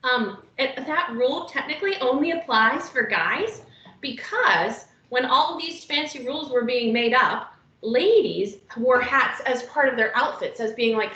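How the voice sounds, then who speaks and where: A high, bright female voice runs an online etiquette lesson in a chatty, upbeat way, trailing off into fillers now and then. She sits back from the mic in a roomy space, and the video call audio sounds dull and muffled. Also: recorded from a distance. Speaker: etiquette workshop host. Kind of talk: live online class for students.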